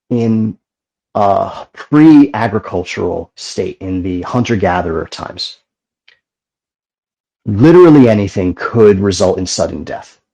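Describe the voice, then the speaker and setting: A middle-aged man, a meditation teacher, guiding breathing in a slow, calm way and then explaining the practice. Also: lowish voice, creaky, lo-fi sound. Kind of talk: guided meditation and talk.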